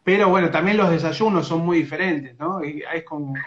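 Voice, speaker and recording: A little high and a bit bright, this Rioplatense-accented Argentine man speaks fairly quickly as a sports radio interviewer questioning a young footballer by phone live stream. He keeps stalling, using fillers and starting over. The recording, made with a phone front camera in a small indoor room, is muffled and roomy.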